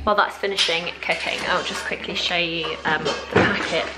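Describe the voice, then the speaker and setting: A woman's voice: fairly low pitch, steady tone, a little fast. A young woman chatting casually through a home kitchen vlog, rambling with lots of fillers. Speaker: vlogger. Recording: noisy kitchen recording.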